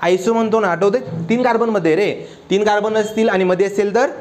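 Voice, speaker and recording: Steady and a little mellow, this high-pitched male voice belongs to a chemistry teacher in the middle of a lecture, with slight noise in the background. He constantly throws quick questions at the class and encourages everyone to answer out loud.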